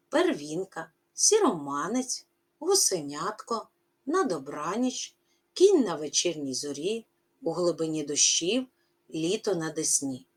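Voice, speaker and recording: A woman teacher giving a reading lesson to primary school children, expressive and drawing out stressed syllables. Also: mid-range voice.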